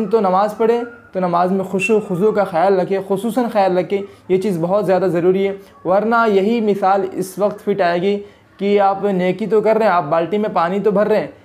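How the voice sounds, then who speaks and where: A man's voice: sits high, a little mellow. A man hosting an Islamic advice talk for video, earnest and exhorting, often repeating phrases to press his point. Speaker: religious video host.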